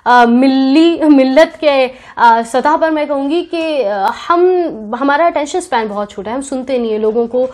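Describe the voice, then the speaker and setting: A woman with a high voice speaks as a guest in a sit-down interview. She answers earnestly and at length, stopping often to collect her thoughts. She slips English words into her sentences. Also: darkish tone. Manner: earnest, thoughtful, talks at length, with frequent pauses. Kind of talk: reflective interview conversation.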